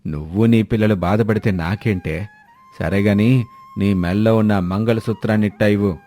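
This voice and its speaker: A man's voice: fairly low pitch, normal speed, mellow, lightly acted. A man voicing a drunk husband, harsh, bullying, faint music underneath. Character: drunk, abusive middle-aged husband, gambler.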